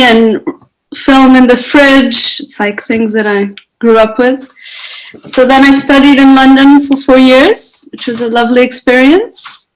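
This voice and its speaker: A young Portuguese woman in her 20s, a photographer, speaks as a guest on a conversational podcast interview, her native language being Portuguese. Her voice sits fairly high and the recording is rough. She comes across as reflective, searching for words and laughing lightly.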